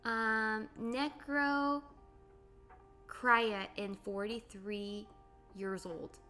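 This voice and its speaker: Over soft background music, a late-twenties streamer speaks extremely slowly in a bright, forceful, rather high voice with flat delivery. She chats casually and bubbly while drawing and reading out comments from viewers.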